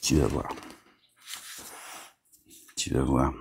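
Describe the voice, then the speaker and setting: A man's voice: rumbling low, little pitch movement, very slow, vocal fry, a little mellow, slight background noise. A man delivering a rambling, agitated monologue to his viewers, scolding them as a self-styled preacher, with constant verbal tics.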